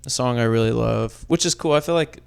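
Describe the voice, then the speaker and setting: A young man co-hosts a podcast in loose, casual chat, hesitating and trailing off as he thinks aloud. His voice carries a gravelly fry yet stays smooth and resonant underneath. He sits at a middle pitch for a man. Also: a little fast. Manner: hesitant, trailing off, lots of fillers. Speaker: podcast co-host.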